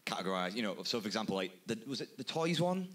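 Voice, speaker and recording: Brief: male audience member, low voice, hesitant and rambling with fillers. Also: big pitch swings, fast talker, crowd noise. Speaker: audience member asking a question. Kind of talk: casual question from the audience. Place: bar venue with live audience.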